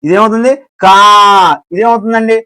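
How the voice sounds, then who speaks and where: A man's voice: high-pitched, steady tone, brisk, fairly bright tone, no room sound. A man with a Telugu accent teaching a lesson, who repeats each syllable and asks and answers his own questions. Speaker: Hindi teacher. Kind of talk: classroom lesson.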